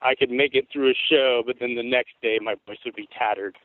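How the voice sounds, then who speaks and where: A musician in his forties, from Tacoma, Washington, appears as a guest for a casual interview, spinning laid-back, wandering stories with plenty of cursing. His rough, worn voice is medium-pitched with fairly even intonation, and he speaks a little fast. The recording is a dry, tinny, phone-like line with no room sound.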